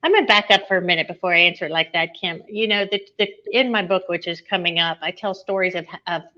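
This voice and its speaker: A woman's voice: on the low side, quick pace, sharp tone, dull audio. A woman, an author and former nurse, telling a personal story as an interview guest, getting emotional and laughing at times.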